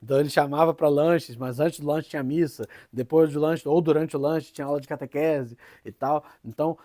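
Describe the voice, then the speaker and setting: A man with a Brazilian Portuguese accent gives a casual lesson to teachers. His voice sits a little high and sounds close and dry. He talks in loose, looping phrases, often restarting and tagging his points with "né?". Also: fairly even intonation, a little fast, warm tone, no room sound. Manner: chatty, tags many phrases with "né?" and restarts often. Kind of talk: informal teaching talk.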